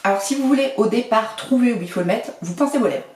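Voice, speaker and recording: A woman's voice: on the high side, lively intonation, quick pace, a little mellow, recorded from a distance. A woman vlogger talking casually through a makeup tutorial, chatty and playful, with little sing-song asides. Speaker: beauty vlogger. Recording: echoey room, mic set back.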